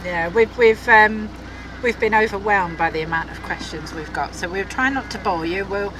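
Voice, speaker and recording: A woman's voice: medium pitch, moderate pace. A middle-aged woman from Essex with an Essex accent, chatting and laughing easily as she reads out viewer questions. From Essex, England. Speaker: vlog co-host. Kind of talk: casual chat. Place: outdoors on a moving narrowboat. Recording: outdoor noise from boat and traffic.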